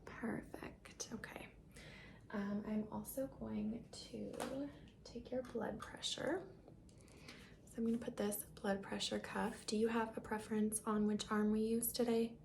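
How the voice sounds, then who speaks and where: A woman in an ASMR role-play as a caring doctor, speaking softly and breathily with gentle reassurance. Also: medium pitch, flat delivery, a little slow, background noise. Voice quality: breathy, soft. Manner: soft-spoken, gentle, reassuring, soft-spoken. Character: caring, reassuring female doctor giving a check-up. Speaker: ASMR performer playing a doctor.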